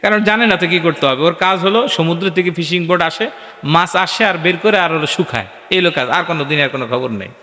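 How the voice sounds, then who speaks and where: A man delivers a lively sermon, throwing questions at his listeners and slipping into sung chanting of verses. His voice sits fairly high and rings bright, and it booms back with long reverb as if through a PA in a large hall. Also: a little fast. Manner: animated, asks the crowd questions and calls for responses. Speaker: preacher. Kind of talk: sermon at a religious gathering.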